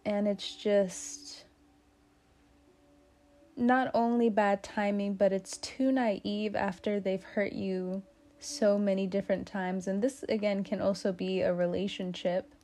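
A woman's voice: mid-range voice, flat delivery, slow pace, mellow. Woman doing a tarot reading, chatty and teasing, lots of you knows. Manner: chatty, teasing, many fillers. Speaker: tarot reader.

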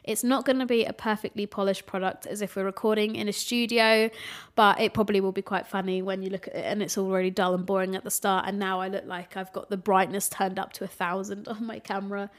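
A young woman hosting her own podcast in a relaxed, unpolished solo chat, her voice a bit nasal. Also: medium pitch, fast. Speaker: podcast host. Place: home room with changing sunlight. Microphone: camera setup, recorded for video.

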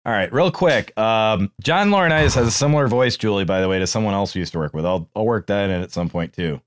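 A man co-hosting a podcast in casual chat, telling profane, animated stories and mimicking people. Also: lowish voice, fast talker. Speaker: podcast co-host.

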